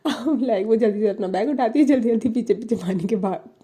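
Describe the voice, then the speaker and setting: A woman's voice: a little high, fast, warm tone. A woman telling a love story in a casual, chatty way, with many fillers.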